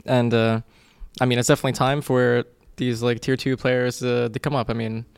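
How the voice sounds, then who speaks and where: A man guesting on a podcast, giving measured views in casual chat with frequent fillers. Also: medium pitch, little pitch movement, creaky, clear, resonant tone, dry recording. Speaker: guest, pro player.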